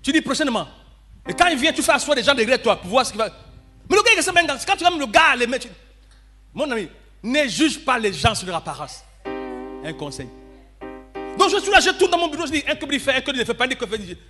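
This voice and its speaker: A man preaches in a high, bright, lively voice that leaps from shouts to hushed murmurs. He acts out dialogue as he tells his story. Soft instrument music plays faintly behind him in the church. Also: quick pace, long pauses. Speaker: pastor. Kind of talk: storytelling sermon.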